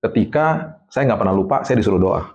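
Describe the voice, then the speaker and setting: A middle-aged man, an evangelist, telling stories as a guest in a casual interview, in a lively, animated way. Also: on the low side, a little fast.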